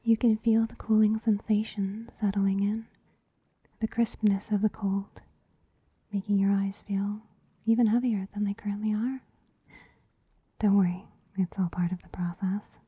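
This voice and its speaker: A breathy, almost voiceless whisper from a woman as a soft-pawed bunny spa attendant, unhurried and teasing. The sound is dry and close, with a slightly dull, muffled top end, as in an intimate ASMR recording. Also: medium pitch, fairly even intonation, dry recording. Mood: soothing. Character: gentle soothing female bunny spa attendant. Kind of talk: ASMR roleplay. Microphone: close mic.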